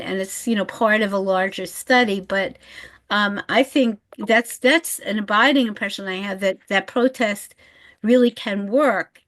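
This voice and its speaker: An older woman speaking as a historian on a webinar panel, thoughtful and measured, with some restarts, heard over a video call. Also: medium pitch, low-quality recording.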